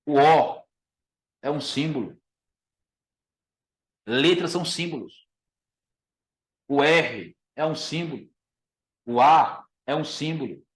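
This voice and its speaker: A man's voice: fairly high pitch, slow, pauses often. A man with a Brazilian Portuguese accent, teaching a Bible lesson as a pastor, emphatic, repeating his key phrases and calling listeners brother. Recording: echoey room.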